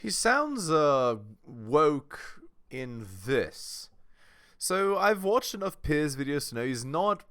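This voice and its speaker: A man's voice: a little high, sing-song, slow, fairly bright tone, smooth, dry recording, studio quality. A man hosting a reaction video, giving casual, hesitant commentary. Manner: hesitant, restarts and fillers.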